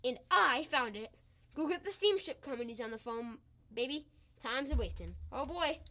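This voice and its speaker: A boastful, blustering husband in an old-time radio comedy, played by a young actress. He brags and bickers in a bright, lively voice that leaps up in pitch whenever he gets excited. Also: heavily acted. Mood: scheming. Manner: loud, exclamatory, quick to boast and bicker. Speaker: school radio play actor.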